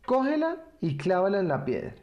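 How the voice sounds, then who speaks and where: A man voicing a wise, gentle female fairy in a children's story, patient and explaining. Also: high-pitched, huge pitch swings, brisk, dull audio, voice pushed up.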